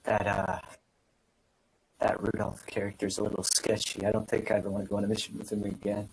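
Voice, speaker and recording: A man plays his tabletop character in a dry, offhand manner. His fairly low voice has a gravelly fry and a husky edge. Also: monotone, a little fast, low-quality recording. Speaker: player.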